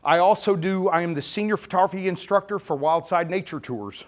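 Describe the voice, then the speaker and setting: The speaker is a middle-aged man giving a live photography presentation to a full room at a camera store event. His voice is high-pitched and a little fast, with a slurry Texas-Oklahoma drawl, and his manner is chatty, joking, teasing and sarcastic.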